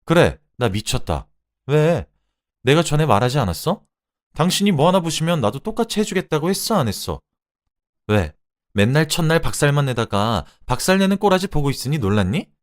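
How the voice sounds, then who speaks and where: A defiant young wife, voiced by a man, hurls shrill, scolding shouts at her husband in a radio drama. Her voice jumps high and swings wildly as she rages. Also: very animated, normal speed. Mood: mocking.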